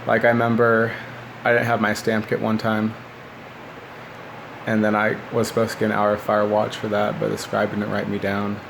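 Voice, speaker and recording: Creaky-voiced young man, flat and low. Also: moderate pace, background noise. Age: 20s. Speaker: former military recruit recounting boot camp. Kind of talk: casual rambling storytelling to camera. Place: small living room indoors, seated by a window. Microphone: phone at arm's length.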